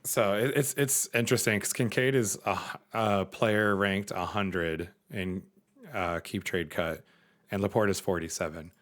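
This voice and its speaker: A young man co-hosting a casual podcast chat, energetic and quick to laugh. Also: low-pitched. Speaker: podcast co-host.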